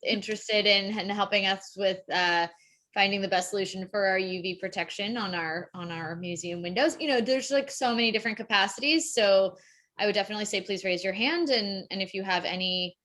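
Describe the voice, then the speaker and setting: A woman addresses an event audience in a loose, rambling way, starting and stopping often and leaning on fillers. Her pitch is in a middle range, and she keeps a friendly, informal tone. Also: fairly quick, fairly bright tone. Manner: rambling and hesitant, with many fillers and restarts. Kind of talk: casual presentation at a public event.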